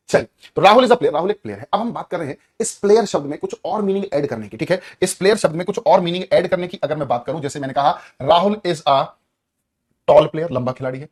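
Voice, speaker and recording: A man teaching an online grammar lesson in a Hindi accent, energetic, repeating key words and asking students questions. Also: fairly high pitch, slightly rough.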